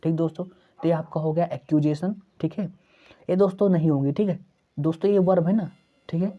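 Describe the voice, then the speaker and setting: A man's voice: on the high side, fairly even intonation, a little fast, dull audio. A young man teaching a vocabulary lesson for exam preparation, repeating each word in lists and constantly addressing the viewers as friends. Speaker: English teacher for exam prep. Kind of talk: vocabulary lesson in Hindi and English.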